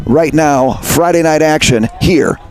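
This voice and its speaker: A man doing live play-by-play commentary for a high school lacrosse game, chatty and conversational, often correcting himself. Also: unhurried, a faint crowd. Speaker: play-by-play announcer. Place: outdoor high school field.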